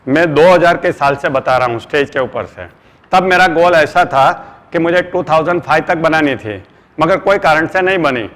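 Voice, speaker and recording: A man's voice: fairly high pitch, normal speed, a bit bright. A middle-aged man with an Indian accent, an earnest trainer giving a motivational seminar talk who calls his listeners friends. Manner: earnest, addresses listeners as friends, mixes English phrases. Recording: long hall reverb.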